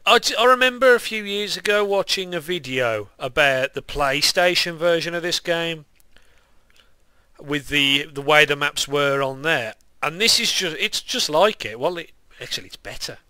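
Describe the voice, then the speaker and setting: A man's voice: a little high, expressive, normal speed, pushed and bright, clear, resonant tone, no room sound. A young man with a lisp and whistling s sounds, giving casual, rambling, self-deprecating game commentary. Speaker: gaming video maker.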